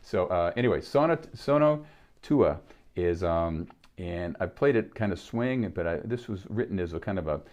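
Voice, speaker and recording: A man's voice: low voice, moderate pace, a little mellow, dull audio. A man in his sixties with a Boston accent, hosting a solo piano live stream and chatting casually between tunes, rambling with many fillers and restarts.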